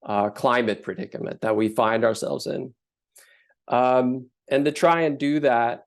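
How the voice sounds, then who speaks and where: A man from Finland, giving a thoughtful artist talk with frequent pauses and fillers. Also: medium pitch, vocal fry. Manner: thoughtful, hesitant with many fillers.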